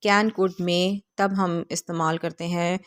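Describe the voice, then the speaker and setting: A woman teaching an English textbook lesson in a video, reading the English lines slowly and carefully and explaining them with hesitant fillers. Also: lowish voice, level tone.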